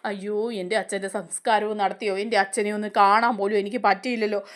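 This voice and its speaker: A woman's voice: medium pitch, little pitch movement, quick pace, voice pushed down, close to an everyday voice. A woman voicing a young woman wailing and pleading in staged grief.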